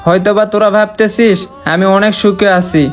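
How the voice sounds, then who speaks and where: A man's voice: sits high, flat delivery, a little fast, lightly acted. A young man, acting as an earnest, sorrowful man back home after years abroad, talking in a heartfelt, pleading way. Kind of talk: amateur short-film acting. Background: faint background music.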